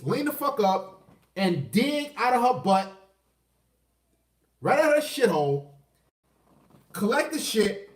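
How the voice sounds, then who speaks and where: A man ranting to camera in a blunt, crude and repetitive way, often restarting his phrases. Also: extremely high pitch. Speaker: vlogger. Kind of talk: casual rant to camera. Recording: echoey room, voice far from the mic.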